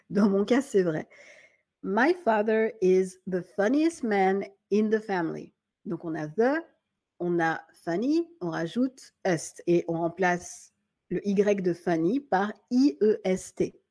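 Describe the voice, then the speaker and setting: A woman teaching an English grammar lesson in French, patiently repeating key points and reading example sentences slowly in a friendly, informal way. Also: medium pitch, animated, warm tone. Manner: friendly and informal, addresses viewer as tu.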